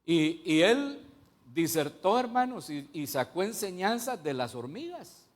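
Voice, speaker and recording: A man's voice: sits high, big pitch swings, measured pace. A man preaching a sermon, stressing points by repeating them and putting questions to the congregation. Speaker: pastor.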